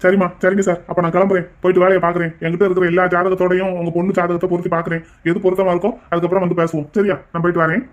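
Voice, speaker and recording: A man's voice: high voice, little pitch movement, very fast, few pauses, highs cut off, lightly acted. Man voicing a pushy cartoon marriage broker. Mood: persuasive. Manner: persuasive, talkative. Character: fast-talking middle-aged cartoon marriage broker, pushy.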